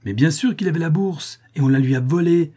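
A man's voice: on the low side, a little fast, warm tone, slightly rough. A man voicing a simple-minded, greedy widow who talks in a whiny, defensive way in an audiobook.

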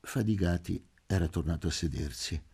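A man narrates a literary novel as an audiobook in a measured, expressive way. His voice is low and husky. It has a dark, mellow warmth. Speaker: audiobook reader.

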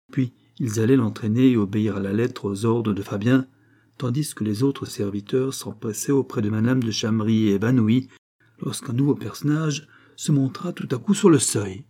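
A man reading a classic novel aloud as narrator, measured and dramatic. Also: mid-range voice, dark tone. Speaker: audiobook narrator. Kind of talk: scripted narration.

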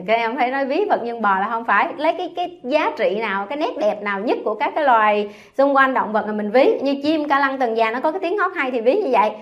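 A nun leads a dharma class in a temple hall, her voice a touch higher than most women's. She teases and scolds her listeners with humor and keeps quizzing them on the lesson. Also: highs cut off. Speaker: Buddhist nun teaching scripture.

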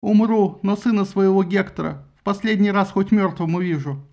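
A frantic old king in a storybook reading, his voice pushed high and loud, as a man puts him on. He barks orders querulously, hoarse with grief and temper. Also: normal speed. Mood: grumpy. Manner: shrill shouting, querulous. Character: old grieving king, grumpy and hysterical.

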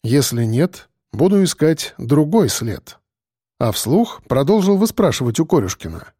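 Male audiobook narrator, lively melody, mellow tone, dry close sound. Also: fairly high pitch, measured pace, breathy edge, no room sound. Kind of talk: first-person scripted narration.

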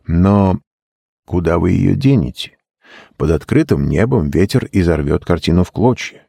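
A man voicing a gentle, cunning old male lord who talks in a mild, measured, persuasive way. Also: low-pitched, animated, creaky, slightly rough, no room sound, clean studio sound, exaggerated voice.

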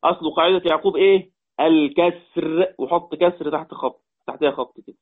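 A man's voice: a little high, fairly quick. A man with an Egyptian Arabic accent teaching a Quran recitation lesson. He repeats points and quizzes his students. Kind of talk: online lesson explaining readings. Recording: tinny phone-like line.

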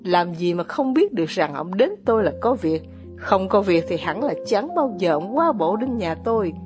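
A woman reading as a poor, bitter older male ex-officer with quiet irony, in an audiobook. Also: mid-range voice, big pitch swings, normal speed, music in the background, natural voice. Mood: bitter, ironic.

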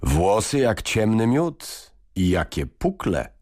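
A man voicing a young, admiring lady-in-waiting who gushes eagerly in hushed tones. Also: fairly low pitch, very animated, slow, pitched above the performer's own voice. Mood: gushing.

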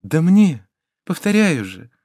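Man playing a young prince, trembling, tender, grief-stricken, raised and drawn-out, dry close sound. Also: a little high, big pitch swings, a little mellow, breathy edge, no echo, pitched above the performer's own voice, heavily acted. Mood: trembling, anguished.

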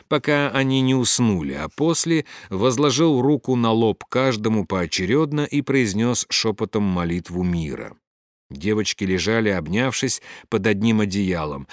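A man narrating a fantasy audiobook in a measured storytelling manner. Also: medium pitch, no room sound, clean studio sound. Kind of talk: scripted narration.

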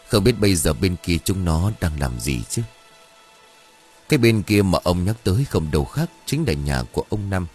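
A deep, husky male voice narrating a village ghost story, with a lively pitch that rises and falls as he tells it. Faint music plays underneath. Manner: expressive storytelling. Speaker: audiobook narrator.

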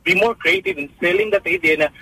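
A man with a Filipino accent calling in to a radio show over a speakerphone line, halting and full of ums as he gives his opinion. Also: high-pitched, wildly swooping pitch, creaky, sharp tone, breathy edge, no echo, poor audio. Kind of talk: opinionated call-in comment.

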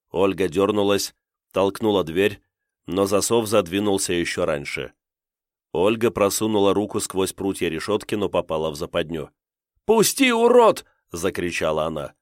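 A man reading an audiobook as narrator in steady, tense storytelling. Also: sits low, dry recording, studio quality.

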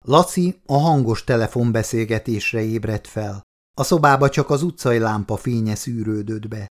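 Man reading an audiobook. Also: fairly low pitch. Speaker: audiobook narrator. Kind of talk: audiobook narration.

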